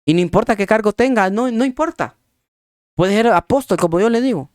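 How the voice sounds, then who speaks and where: A man preaching a sermon as pastor, emphatic and repetitive, slowing down to spell out word meanings and dropping folksy asides to the congregation. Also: high-pitched, lively intonation, no room sound, clean studio sound.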